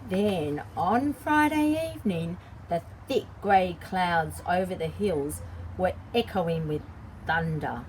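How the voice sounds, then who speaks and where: A woman who hosts children's story time and works as an early childhood educator reads a picture book aloud to young children at a slow pace. Her voice is lowish and darkish with lively intonation, and she adds simple explanatory asides while stretching out key words for emphasis. The audio is poor, with slight background noise.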